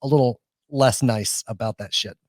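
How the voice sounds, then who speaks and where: A man's voice: mid-range voice, normal speed, a little mellow, no room sound. A male podcast host talking loosely and profanely, circling back through half-finished thoughts. His voice sits in the middle range, recorded close and dry with no room sound. He laughs along as he goes. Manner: rambling, profane, full of restarts and laughs. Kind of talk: casual podcast chat.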